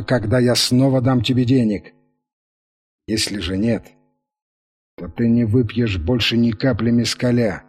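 A man voicing a furious, menacing boss who threatens an old laborer in curt, harsh speech, with a husky voice. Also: mid-range voice, a little mellow.

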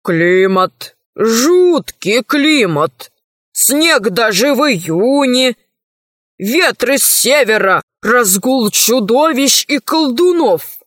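A woman voicing a fat, lazy magical king in a storybook reading, drawling and grumbling in a lower voice. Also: animated, very slow, a bit bright, no room sound, studio quality, exaggerated voice.

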